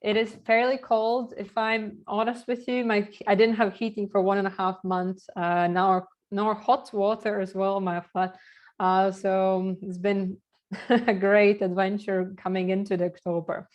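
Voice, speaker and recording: A young adult woman from Latvia with a Latvian accent, giving a casual online startup workshop and filling pauses with "uh" and "yeah". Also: mid-range voice, little pitch movement. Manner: chatty, filler-heavy, uh and yeah between thoughts. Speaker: guest lecturer.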